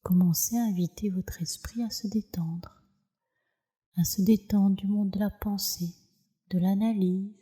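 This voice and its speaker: Speaking softly and soothingly, a woman who teaches yoga nidra and guides meditation leads a relaxation practice in a deeply mellow, warm, steady tone at medium pitch. She takes her time, with slow, measured phrases that fade out on a breath.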